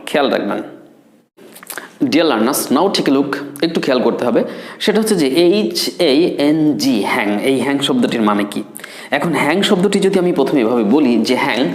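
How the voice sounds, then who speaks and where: A man teaching a spoken English lesson, drilling word forms with slow repetition. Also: medium pitch. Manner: repeats words and forms slowly, drills pronunciation. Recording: echoey room.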